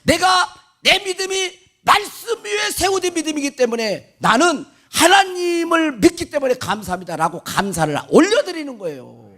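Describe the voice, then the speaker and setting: A male pastor delivering an animated sermon, firing rhetorical questions at the congregation and mimicking worshippers' prayers. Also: very high voice, moderate pace, few pauses.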